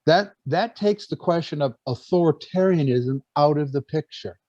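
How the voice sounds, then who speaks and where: A man's voice: a little high, lively intonation, normal speed, warm tone, dry recording, lo-fi sound. A man giving an earnest preaching talk to a gathering, telling stories and often stumbling and restarting his words. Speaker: speaker on church life.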